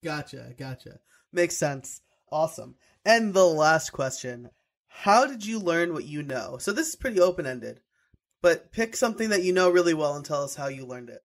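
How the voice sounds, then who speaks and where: A man from New York hosting a podcast interview, asking questions and chiming in with quick, friendly affirmations over a video call. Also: a little high, very animated. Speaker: podcast host. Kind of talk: casual interview chat.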